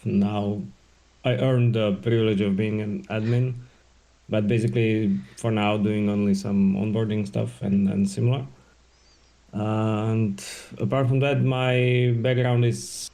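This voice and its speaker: A man's voice: fairly low pitch, creaky, warm tone. A man with a Slovak accent talking casually about himself in a hesitant, modest way. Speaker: podcast guest. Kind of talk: casual self-introduction.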